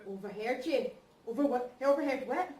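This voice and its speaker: A concerned, questioning wife, acted by a woman in a rehearsed drama reading, speaking colloquially. Her high voice comes from a little way off in an echoey room. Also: animated, fairly quick, mellow, lightly acted. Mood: dismayed. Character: concerned, questioning wife, caught between two men. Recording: echoey room, distant mic, background noise.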